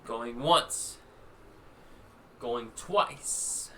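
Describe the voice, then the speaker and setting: Bright-voiced young man hosting a podcast. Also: mid-range voice, drawn-out words, slight background noise, low-quality recording. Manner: laid-back, slangy, laughs often. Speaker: podcast host. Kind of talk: casual podcast chat.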